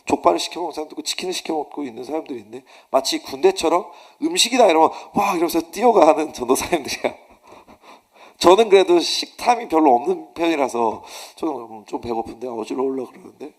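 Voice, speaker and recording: A middle-aged male pastor giving a sermon, telling stories with animated delivery and acting out shouted quotes. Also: mid-range voice.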